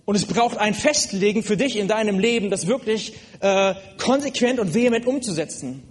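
A preacher gives a sermon in a fairly high voice, addressing his listeners earnestly and directly while often pausing on hesitant fillers.

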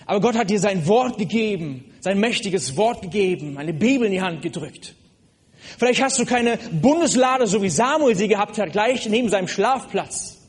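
A man's voice: sits high, animated, moderate pace. A man preaching a sermon, speaking earnestly and directly to the listener, with frequent hesitations.

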